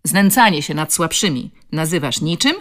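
A woman voicing a tough, rough-spoken woman with a strong, guttural voice who scolds bullies. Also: fairly low pitch, expressive, moderate pace, a little mellow. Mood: scolding.

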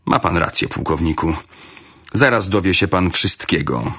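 Man doing a calm, low-voiced detective. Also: normal speed, slightly rough, exaggerated voice. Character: calm, self-assured male detective.

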